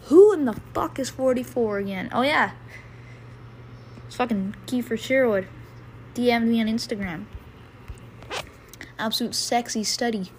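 A woman's voice: a little high, a little slow, long pauses, slight background noise. A woman doing casual amateur hockey play-by-play, profane and rambling, laughing at her own jokes.

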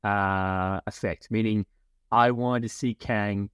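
A man's voice: fairly low pitch, steady tone, slow, a bit bright, clean tone, no echo, studio quality. A man co-hosting a casual podcast, talking animatedly and acting out quotes in a raised voice. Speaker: podcast co-host.

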